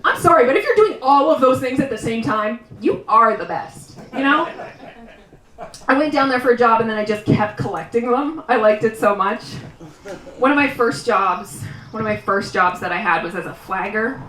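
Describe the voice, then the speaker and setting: A woman performing a live stand-up set, self-mocking and wry, now and then breaking into shouted bursts. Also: fairly high pitch, lively intonation, moderate pace, a little hiss or hum. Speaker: stand-up comedian. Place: small live venue. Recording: roomy live sound from a distant mic.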